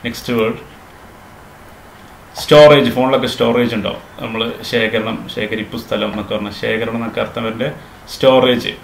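A man with a Malayali accent teaching English pronunciation, saying each word slowly several times and setting the wrong form against the right one. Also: mid-range voice, fairly even intonation, creaky, reverberant, slight background noise. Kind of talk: pronunciation lesson.

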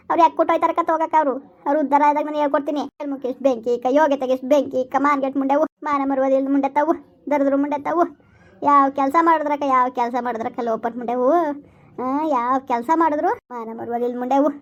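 A woman playing a loud, bitter village woman in a comedy skit, scolding and wailing. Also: sits high, natural voice. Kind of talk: rural comedy skit acting.

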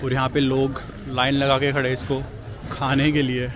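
A young vlogger walks busy city streets at night and along a train platform, casually chatting to viewers through a handheld action camera held at arm's length. His medium-pitched voice is completely flat at a normal speed, with crowd, street and station noise behind him.

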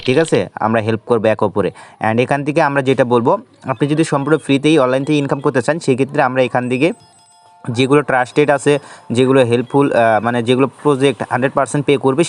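Very fast-talking man explaining. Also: mid-range voice. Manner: rapid, step-by-step instructions, mixing English words. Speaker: channel host. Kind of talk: screen-recorded app tutorial.

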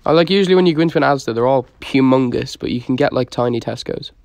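This young Dubliner speaks quickly in a medium-pitched, slightly mellow voice with vocal fry, chatting on a livestream and replying to comments in relaxed slang. Holding his phone close to his face, he's recorded with no room sound.

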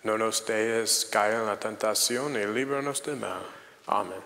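Male priest, young adult. Lowish voice, measured rosary responses, long cathedral echo. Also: bright, forceful tone. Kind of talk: recited liturgical prayer. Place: large church interior, seated by the altar. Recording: long echoing reverb of a church.

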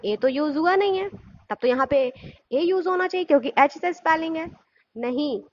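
A woman's voice: sits high, dull audio. A woman teacher giving a classroom grammar lesson. She asks questions, answers them herself, and spells words out letter by letter. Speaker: school teacher.

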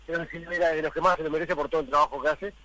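A man's voice: fairly high pitch, steady tone, rapid-fire, pushed and bright, low-quality recording. A Uruguayan man, a club director, giving post-match interview answers and searching a little for his words.

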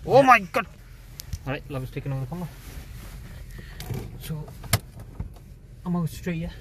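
A young man banters casually in slang while vlogging from inside his car at a drive-thru car wash, filmed on a phone camera. His fairly high voice is sing-song at normal speed, with noisy car wash sounds in the background.

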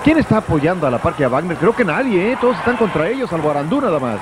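A man's voice: a little high, very animated, racing. A male wrestling commentator with a Mexican accent calls live lucha libre play-by-play in a conversational, descriptive way. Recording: noisy old VHS broadcast of arena event. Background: noisy wrestling arena.

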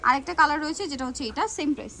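A woman's voice: high voice, racing. A woman hosting a shopping video in a mall clothing shop, showing dresses one after another and repeating each price. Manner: rattles off prices and repeats them. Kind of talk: fast product showcase. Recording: noisy shop ambience.

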